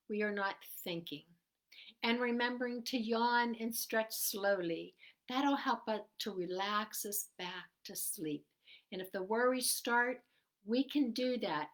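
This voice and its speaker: A woman speaking in a calm, gentle, soothing manner as a meditation teacher, giving an unscripted relaxation talk. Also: fairly high pitch, a little slow. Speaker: meditation teacher and host of a livestream.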